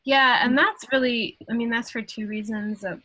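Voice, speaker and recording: A woman guest artist talks through her creative process in a relaxed interview, pausing often and reaching for words. Her voice is bright and lively in tone, recorded dry and close. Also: a little high, slightly rough, no echo, poor audio. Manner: thoughtful, halting, with frequent fillers and laughs. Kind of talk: casual interview conversation.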